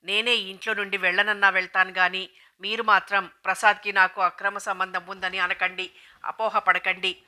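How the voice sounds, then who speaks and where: A frightened young wife pleads and protests against her husband's accusations in this storybook reading. A woman narrating the novel voices her. The voice is bright and sharp, with a desperate edge. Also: mid-range voice, level tone, normal speed. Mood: pleading. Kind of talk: audiobook dialogue reading.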